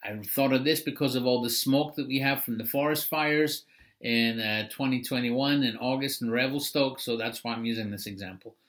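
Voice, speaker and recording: A man's voice: medium pitch, moderate pace, fairly bright tone. A middle-aged man preaching a sermon in a conversational, explanatory way, with asides. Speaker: pastor.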